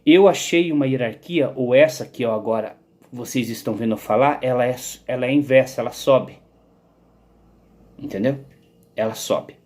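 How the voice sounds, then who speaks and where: A man's voice: medium pitch, moderate pace, darkish tone. A man giving a rambling philosophical monologue about his own theory. He digresses, repeats words and keeps checking "entendeu?".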